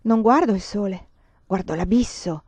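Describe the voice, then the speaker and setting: A woman's voice: mid-range voice, moderate pace, darkish tone, close to an everyday voice. Woman reading as a cavernous, dreamy male doctor. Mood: brooding. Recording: dull dry lo-fi reading.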